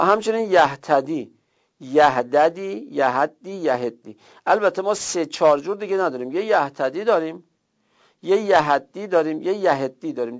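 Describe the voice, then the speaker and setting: A man teaching a grammar class, explaining step by step and repeating word forms slowly. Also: a little high, vocal fry. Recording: dull lo-fi recording.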